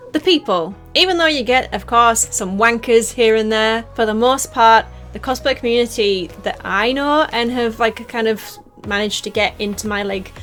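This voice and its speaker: A young woman from northeast England, with a softened Teesside accent and a voice on the high side, chats through a casual Q&A vlog. Answering fan questions, she rambles, says "like" a lot, and laughs lightly.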